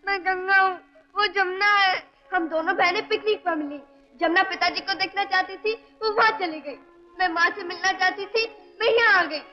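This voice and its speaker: A woman's voice: very high-pitched, normal speed, faint music behind. An actress playing a clever, outspoken young girl in an old film, cheeky and later tearful. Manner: sharp and cheeky, then pleading and tearful. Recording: dull old film soundtrack.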